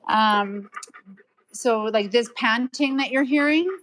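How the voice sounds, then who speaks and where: A middle-aged woman co-hosting a podcast from home, telling a story in a chatty, animated way. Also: fairly high pitch, slow. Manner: chatty, animated storytelling with playful voices for pets. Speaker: podcast co-host. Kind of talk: casual storytelling chat. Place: at home with dogs nearby. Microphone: home mic on a live audio stream.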